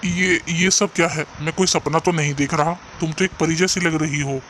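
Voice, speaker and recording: A man's voice: a little high, fairly even intonation, normal speed, background noise, lightly acted. A man voicing a poor young junk seller in a cartoon story, earnest and caring, sometimes despairing. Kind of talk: cartoon voice acting.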